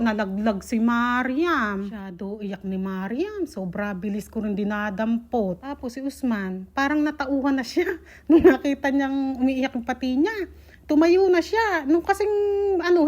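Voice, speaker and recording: A young woman from the Philippines telling her viewers a personal travel story in a casual, animated way, acting out what people said to her. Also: high-pitched.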